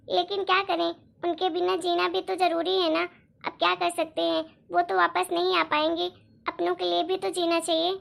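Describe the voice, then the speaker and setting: A woman voicing a caring young sister-in-law in a cartoon story, softly persuading and gently scolding. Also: extremely high pitch, gravelly, exaggerated voice. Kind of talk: Hindi cartoon moral-story voice acting.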